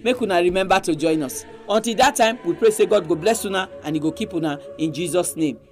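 A man's voice: sits high, quick pace, faint music behind. A man from Nigeria with a Nigerian Pidgin accent, hosting a religious programme and exhorting listeners in an emphatic, conversational preaching style. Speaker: religious radio programme host.

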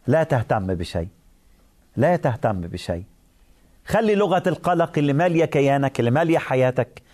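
A man's voice: fairly high pitch, a little mellow. Earnest Egyptian man preaching. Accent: Egyptian Arabic. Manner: earnest, repetitive preaching with direct address to the listener. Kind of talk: sermon.

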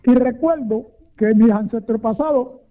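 A man's voice: extremely high pitch, measured pace. An older man with a Puerto Rican accent calling in to a radio show, speaking in a formal, flowery, long-winded way. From Puerto Rico. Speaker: caller. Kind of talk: radio call-in. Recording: tinny phone line.

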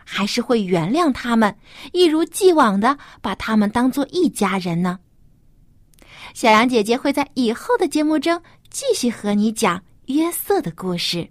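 Lady kids bible show host, talks like reading to a toddler, lively pitch swings, dry close sound. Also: normal speed, no room sound. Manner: addresses small children directly with simple rhetorical questions. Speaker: host of a children's Bible story program. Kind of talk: teaching young children, as if reading to a toddler.

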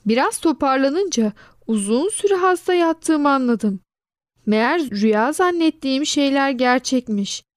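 A woman narrating a children's storybook in an expressive reading voice, giving quoted lines a lively lift. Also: high voice, unhurried, no room sound, studio quality.

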